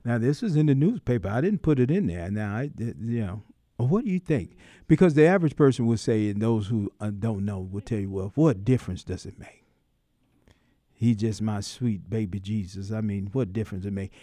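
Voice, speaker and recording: A man's voice: fairly low pitch, expressive, fairly quick, warm tone, no room sound. A man hosting a call-in radio talk show, folksy and preacherly, voice rising and dropping in emphatic bursts. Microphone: studio microphone.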